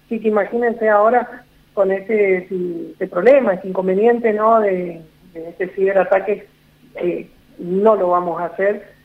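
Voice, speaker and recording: Gravelly Argentine man on a phone line. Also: high-pitched, fairly even intonation, measured pace. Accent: Argentine Spanish. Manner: reassuring, repetitive, many fillers. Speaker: executive director of a health insurer, guest. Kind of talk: radio phone interview.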